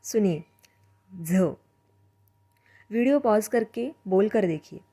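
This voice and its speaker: Slow, mellow woman teaching a language. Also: medium pitch, animated. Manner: slow and deliberate, drawing out example words. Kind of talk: slow spoken language lesson.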